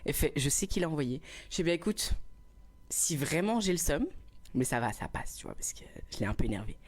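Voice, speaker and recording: Recorded indoors on a small clip-on microphone, this young man's fairly high voice moves fairly quickly as he tells a story on his live stream. The chat is casual; he's animated, laughs a lot, and loudly acts out a quarrel.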